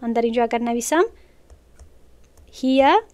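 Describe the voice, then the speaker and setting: A woman speaking Persian with a Tajik accent teaches an Arabic grammar lesson online. She explains patiently, step by step, and repeats words slowly, her voice on the high side and a little mellow.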